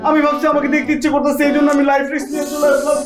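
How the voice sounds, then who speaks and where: Cheeky boastful young boyfriend. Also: male voice, high-pitched, sing-song, darkish tone, faint music behind. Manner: playful, boastful, quick-talking. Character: cheeky young boyfriend sneaking into girlfriend's room. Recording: roomy echo.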